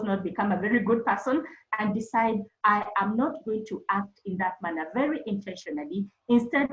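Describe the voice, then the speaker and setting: Woman, counselor, earnest advice, roomy echo, muffled online-call sound. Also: medium pitch. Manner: earnest, advising, repeats for emphasis. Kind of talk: webinar talk to teachers.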